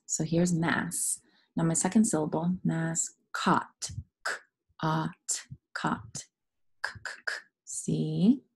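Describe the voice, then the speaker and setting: A woman's voice: lowish voice, gravelly, mellow, husky. A young woman teacher patiently sounding out letters and syllables in a phonics lesson for young students.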